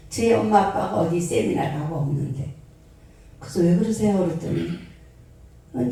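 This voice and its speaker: A woman in her sixties, a pastor, preaching a sermon and telling a story with lively, acted-out scenes. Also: fairly high pitch. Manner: animated storyteller acting out scenes. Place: prayer retreat hall. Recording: echoey hall, voice from far off.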